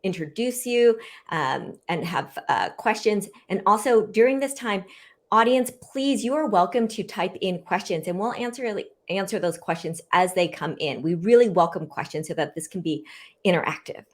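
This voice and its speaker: A woman's voice: mid-range voice, animated, normal speed. A woman hosting an online interview over a video call, welcoming and eager, with some fillers. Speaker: host.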